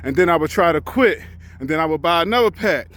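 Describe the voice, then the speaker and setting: A truck driver in his forties films a casual vlog while out on a walk, talking candidly and reflectively. His voice is a little high and a bit bright, animated and quick, and he often restarts sentences as he thinks aloud.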